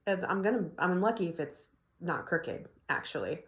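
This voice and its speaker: A woman's voice: on the low side, big pitch swings, moderate pace, fairly bright tone, roomy sound, slight background noise. A middle-aged woman casually telling a personal story to her phone camera, laughing often as she talks. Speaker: vlogger. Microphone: phone propped on an ironing board.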